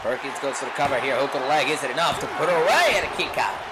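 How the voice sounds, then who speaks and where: A man's voice: mid-range voice, racing. A man doing live pro wrestling play-by-play commentary in short clipped calls and dramatic rhetorical questions. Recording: noisy venue with loud crowd. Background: crowd noise.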